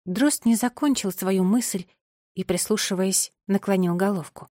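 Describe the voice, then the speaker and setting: A woman narrating a children's audiobook in the first person, with lively storytelling. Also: medium pitch, measured pace, no room sound, clean studio sound.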